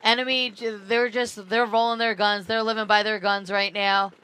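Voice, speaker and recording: A woman's voice: medium pitch, little pitch movement, moderate pace, pushed and bright, clean tone. Chatty woman calling paintball play-by-play. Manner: chatty, laughs often, repeats words. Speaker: paintball commentator. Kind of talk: live play-by-play commentary. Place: small booth beside a paintball field.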